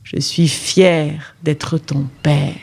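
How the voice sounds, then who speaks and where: A woman voicing a gentle, proud father in a children's story, speaking slowly and tenderly. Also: low voice, fairly even intonation, creaky, breathy edge, voice pushed down, heavily acted. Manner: slow and tender.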